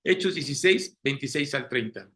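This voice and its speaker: A man's voice: mid-range voice, animated, fairly quick, bright, forceful tone. A man preaching a Sunday sermon, often checking in with the congregation with rhetorical questions. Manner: asks listeners rhetorical questions, frequent "¿sí?".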